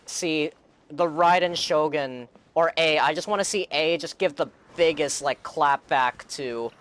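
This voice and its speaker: The young streamer's voice is on the high side, a bit bright and unhurried, with a slight hiss or hum in the recording and game music underneath. Reacting to the game in casual live-stream chat, he rambles earnestly, fan-like, and repeats his phrases.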